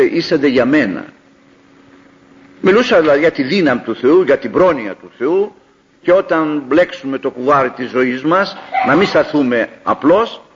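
An older man from Greece, a preacher telling a story in a sermon, acting out the dialogue with animated delivery. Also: a little high. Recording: dull lo-fi old recording.

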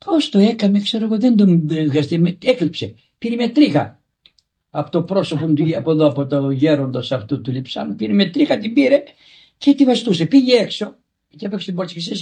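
A husky, mellow-toned older man, a monastery elder, telling a story from his own life. His voice sits a little high for a man, and he stumbles and restarts words as he goes, slipping into the voices of the people he quotes. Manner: halting, repeats and restarts words, acts out quoted dialogue. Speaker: monk elder. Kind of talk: recounting a personal anecdote.

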